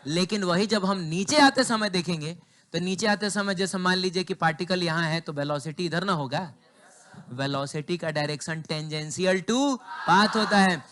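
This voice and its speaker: A man's voice: sits high, a little slow, a bit bright. A man teaching a physics class in with a sore throat, asking questions and answering them himself and joking with the students.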